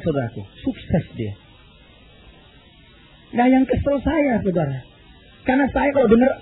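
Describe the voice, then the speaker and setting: Male pastor telling a story from the pulpit, high voice, swings up and down, thin phone-like sound. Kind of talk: sermon storytelling.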